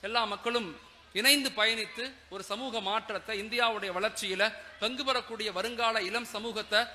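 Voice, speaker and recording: High, bright-voiced male preacher in a hall. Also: steady tone, normal speed, a little hiss or hum. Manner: emphatic, repeats key phrases. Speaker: Islamic preacher. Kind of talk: sermon. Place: school event hall. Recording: long hall reverb.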